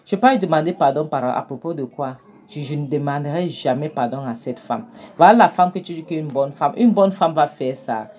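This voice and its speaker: A woman's voice: sits low, brisk, hardly any pauses, a little mellow, highs cut off, natural voice. A woman voicing a broke husband asking a friend for money, hesitant and defensive. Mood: indignant. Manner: pleading then indignant, hesitant with fillers.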